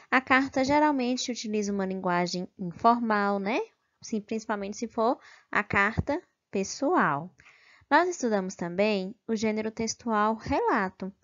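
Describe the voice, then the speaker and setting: Woman teacher going over grammar real slow, leans on syllables, says ok a lot, kinda muffled audio. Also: medium pitch, a bit bright. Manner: slow and careful, stresses syllables, checks in with "ok?". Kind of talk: slow, didactic grammar review lesson. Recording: dull lo-fi recording.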